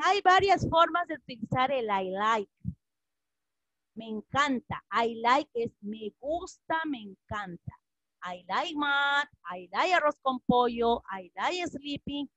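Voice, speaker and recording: A woman's voice: sits high, fairly bright tone, no echo. A woman teaching English to children, patiently repeating each phrase and translating it. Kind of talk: classroom lesson for children.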